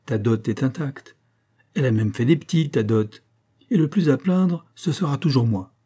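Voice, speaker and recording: A man reading aloud and voicing a calm, measured husband who speaks deliberately. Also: medium pitch, husky. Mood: placid. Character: placid middle-aged husband, calm and stubborn.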